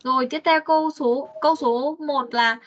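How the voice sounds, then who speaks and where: A woman English teacher on an online class call, explaining patiently and drilling words slowly. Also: sits high, fairly even intonation, slight background noise. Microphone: computer mic on video call. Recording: dull, lo-fi video call audio.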